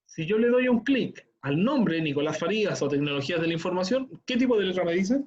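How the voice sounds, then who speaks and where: Expressive and brisk, his high, slightly mellow voice carries an online class tutorial heard through dull lo-fi computer audio. The male teacher patiently explains each step while checking on his students.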